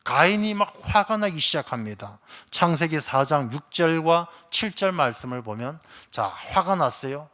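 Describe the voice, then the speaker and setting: A male pastor preaching a sermon, telling a fable and acting out quotes with animated delivery in a church. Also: on the high side, moderate pace, few pauses. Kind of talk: sermon with storytelling. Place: church sanctuary.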